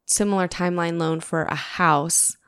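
A woman in her late twenties hosting a casual podcast, chatting in an animated way with lots of "like" fillers. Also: fairly low pitch, moderate pace, clear, resonant tone. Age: 20s. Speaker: podcast host.

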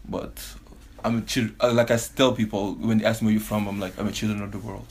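Relaxed low-voiced man laughing easily. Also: fast talker. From Belgium and Canada. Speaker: professional basketball player, guest. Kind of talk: casual interview.

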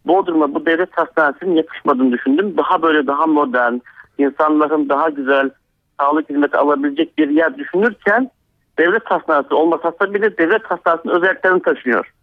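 A man's voice: a little high, quick pace, no echo. A man in his forties, a teacher calling in to a radio show over a landline phone, telling his point plainly and earnestly. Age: 40s. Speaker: radio call-in listener, teacher. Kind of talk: casual call-in comment. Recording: tinny dry phone line.

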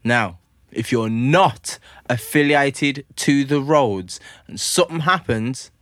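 A man's voice: medium pitch, slow, a bit bright, dry recording. A man with a London roadman accent and slang, insistently making his case in a casual debate among friends.

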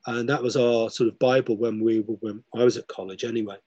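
A man's voice: medium pitch, fairly even intonation, fast, darkish tone, dry recording, dull audio. A middle-aged man in casual chat, reflective and full of restarts as he tells a story. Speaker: podcast guest.

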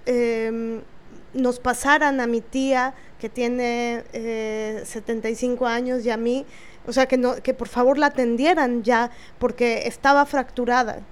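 Speaking on the high side with a flat delivery, a woman vlogger with a Mexican Spanish accent recounts an angry personal experience. She's indignant, swears freely and stops on filler words.

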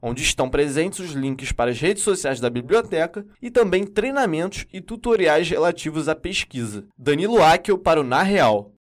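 A man's voice: fairly high pitch, animated, normal speed. Man reading news details. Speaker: news reporter. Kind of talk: scripted news report.

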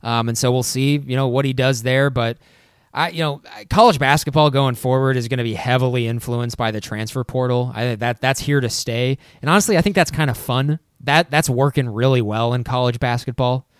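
A man co-hosting a casual sports podcast, halting with many restarts. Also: mid-range voice, clean tone, no echo, studio quality. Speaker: podcast co-host.

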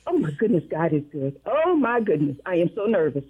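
Woman radio caller, gushing and repetitive, husky voice on a tinny phone line. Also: on the low side, brisk. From Maryland, USA. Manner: gushing, repeating herself, breathless with excitement. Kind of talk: excited phone call to radio.

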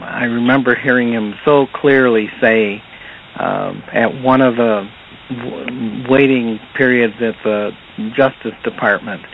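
A man as a podcast guest, telling anecdotes and retelling dialogue with many "he said"s. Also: mid-range voice. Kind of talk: storytelling anecdotes. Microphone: phone. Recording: tinny phone line.

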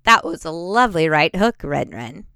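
A woman voicing an easygoing young male fighter who talks in a relaxed, teasing way. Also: on the high side, normal speed, gravelly, smooth, no room sound, clean studio sound, exaggerated voice. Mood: easy.

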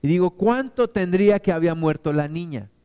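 A man's voice: high voice, expressive, fairly quick, dark tone, smooth, highs cut off. A man preaching a sermon as pastor, building emphasis through repeated lines. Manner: preaching with rising emphatic repetition.

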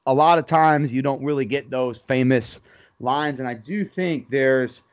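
A man co-hosting a casual podcast chat about a sitcom episode, relaxed and laughing often, calling his friend "man" and "dude". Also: mid-range voice, measured pace, no echo, muffled recording. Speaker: podcast co-host.

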